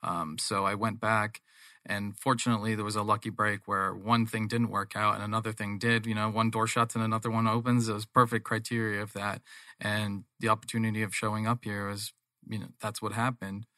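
Male interview guest, North American accent, earnest and wordy, forceful bright tone, fairly flat delivery. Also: fairly low pitch, brisk, dry recording, studio quality. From England, later Toronto, Canada. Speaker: guest, manufacturing business owner. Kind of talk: conversational interview.

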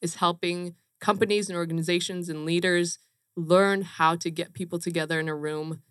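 A woman's voice: fairly low pitch, steady tone, moderate pace, fairly bright tone, smooth, no echo, studio quality. A woman from Romania, a company co-founder, speaking earnestly and emphatically as an interview guest. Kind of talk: casual interview chat.

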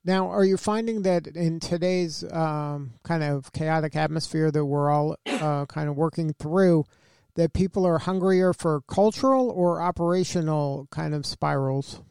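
Gravelly, smooth man host, dry sound. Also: on the high side, measured pace, a little mellow, no room sound. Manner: curious, long rambling questions with hedging fillers. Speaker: interviewer, host. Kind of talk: conversational interview questions.

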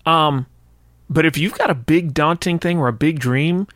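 A man hosting a radio interview, chatty and quick to cheer his guest on. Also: on the high side, fairly bright tone, no room sound, clean studio sound. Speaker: radio host.

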